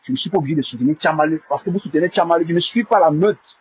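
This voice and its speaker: A man's voice: on the high side, rapid-fire, darkish tone, breathy edge, lo-fi sound. A man hosting a live stream, stammering and repeating himself as he defends himself to viewers. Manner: indignant, defensive.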